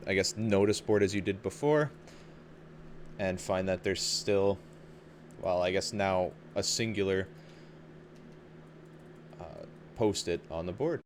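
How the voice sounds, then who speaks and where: A man narrating a tabletop game casually as game master, halting as he searches for words. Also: sits low. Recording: clear background noise.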